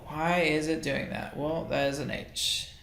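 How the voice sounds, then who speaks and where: A man walks through a chemistry lesson in an easygoing, unscripted way, pausing to think and fixing his own slips as he goes. His voice sits a little high for a man. The recording carries a noticeable room echo. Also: vocal fry. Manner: relaxed, thinking aloud with fillers and self-corrections. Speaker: chemistry lecturer. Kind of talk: casual recorded lecture over slides. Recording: roomy echo.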